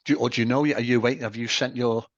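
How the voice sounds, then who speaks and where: A man hosting a casual interview, nodding along with steady yeah-yeahs. His voice comes through a dry, dull lo-fi recording. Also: medium pitch, very fast, no echo. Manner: agreeable, frequent yeah-yeah backchannels. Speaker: interview host.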